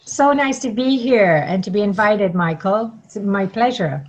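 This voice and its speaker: Her mid-range voice unhurried, a middle-aged Trinidad and Tobago woman who works as a networking coach chats through her story as an interview guest. The audio is poor.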